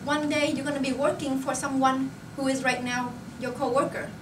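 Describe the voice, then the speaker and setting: A woman's voice: high-pitched, little pitch movement, normal speed. A young woman giving a motivational speech to her colleagues. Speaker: company employee addressing colleagues. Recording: roomy, noisy recording from far off.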